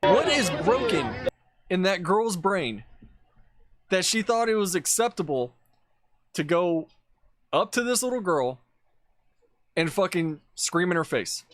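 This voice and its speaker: A man's voice: sits high, animated, takes it slowly, pauses often, fairly bright tone, dry recording. A man giving casual commentary over video clips, blunt and profane, ranting with exasperation. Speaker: political commentator.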